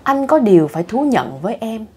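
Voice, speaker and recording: A woman's voice: fairly high pitch, very animated, brisk, mellow, breathy edge, full character voice. A woman reading the lines of a dying husband who confesses to his wife, in a tired voice. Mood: weary. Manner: tired, weak voice.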